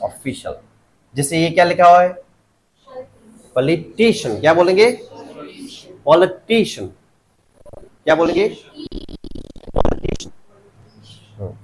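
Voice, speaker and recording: A middle-aged man with a Hindi accent, teaching a phonetics lesson. He keeps quizzing the class and repeats each word slowly. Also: sits high, rough recording. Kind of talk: phonetics lesson for exam students.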